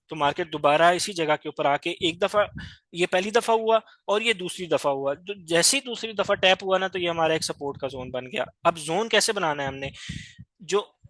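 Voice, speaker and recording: A man gives a screen-share lesson on trading charts, repeating key points and correcting himself as he goes. His voice sits high and sounds bright, recorded close and dry with no room sound. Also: no room sound. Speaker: trading teacher.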